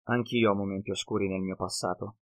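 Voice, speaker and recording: A man voicing a cunning half-blood northern wanderer who speaks slow, broken, ungrammatical sentences in an audiobook. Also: sits low, fairly even intonation, close to an everyday voice. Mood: cunning, earnest.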